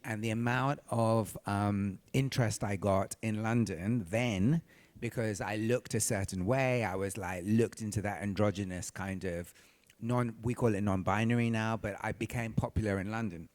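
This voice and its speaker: A man's voice: on the low side, steady tone, moderate pace, a little mellow. A man from Tanzania, a recording artist on a panel, telling his story earnestly and repeating phrases for emphasis. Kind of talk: panel discussion, personal storytelling.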